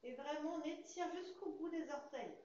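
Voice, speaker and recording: A woman with a French accent, a Pilates instructor calmly guiding a class through exercises and breathing cues. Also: sits high, normal speed, slight background noise. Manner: calm, coaching cues with breath counts. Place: fitness studio. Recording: very echoey studio, slightly dull sound.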